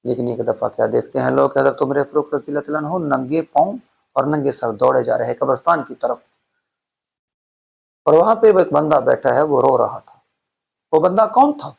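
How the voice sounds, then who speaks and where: A man's voice: medium pitch, creaky, darkish tone, slightly rough. A man telling a devotional story as a preacher, his delivery fervent and building to emotional peaks. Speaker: preacher, channel host.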